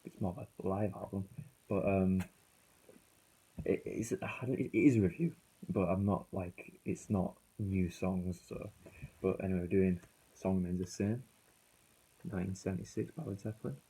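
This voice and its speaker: Very dark, muffled, low-voiced British man. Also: normal speed, creaky, pauses often, husky. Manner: rambling, hesitant, self-correcting. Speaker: vinyl album reviewer. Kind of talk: casual, unscripted vlog chat. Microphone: failing phone.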